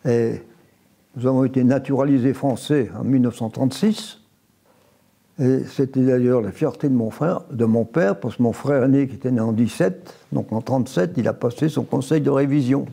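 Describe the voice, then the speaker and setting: A French interviewee in his nineties, who spent his first years in Italy before growing up near Évian, shares memories at an unhurried pace. His mid-range voice is creaky and dark in tone. He often backs up to restart or fix what he has just said.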